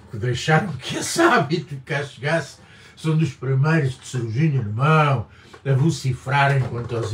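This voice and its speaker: Older Portuguese man rambling in a roomy space. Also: medium pitch. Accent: European Portuguese. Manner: rambling, digressive, emphatic repetitions. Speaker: vlogger. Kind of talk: casual opinion monologue. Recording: roomy, distant mic, faint ambience.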